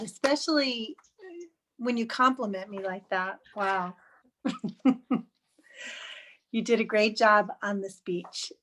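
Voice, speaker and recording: Over a video call on a computer mic, with slight background noise, a woman with a mid-range voice acts as speech evaluator at an online club meeting. Her spoken feedback on a speech is encouraging and chatty, yet gently picky.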